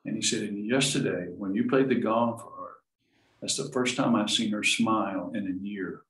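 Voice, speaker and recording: A man's voice: fairly low pitch, fairly bright tone, echoey room, recorded from a distance, low-quality recording. A man who runs a gong chamber, telling a story at an easy pace, humble, and acting out the people he quotes. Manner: unhurried, humble, acts out the people in his story. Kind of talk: casual storytelling.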